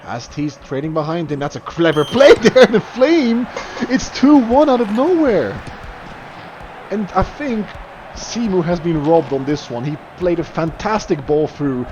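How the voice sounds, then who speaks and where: Over a noisy background, a young man calls a live online match in a chatty, animated way at a moderate pace, his slightly high voice leaping up whenever there's a goal or save. Fillers and restarts pepper his talk, and the highs sound cut off.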